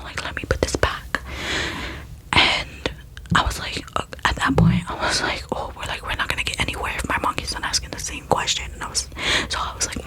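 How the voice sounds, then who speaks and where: In a low-quality recording, a young woman tells an ASMR-style story entirely in a soft, breathy, unvoiced whisper. She's casual and rambling, peppering her narration with "like" and "you know."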